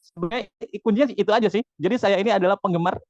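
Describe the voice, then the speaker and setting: A man leading a motivational business training over a video call, lively and chatty, often turning to his audience. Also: high-pitched, very fast, dry recording, muffled recording. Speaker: business team leader giving a training.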